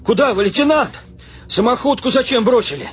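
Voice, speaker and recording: A man voicing a bewildered soldier who runs after his officer, calling out loudly. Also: sits high, big pitch swings, unhurried, slight background noise, pitched above the performer's own voice. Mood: shouting. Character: male soldier, bewildered and loud.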